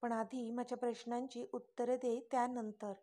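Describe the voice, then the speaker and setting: A confident young lover who teases and corners the girl with pointed questions, smirking as he talks, read by a woman storyteller. The voice sits a little high, kept close to her own reading voice. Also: level tone, normal speed, mellow, close to an everyday voice. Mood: teasing. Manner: teasing, smirking, pressing questions. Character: teasing confident young man in love.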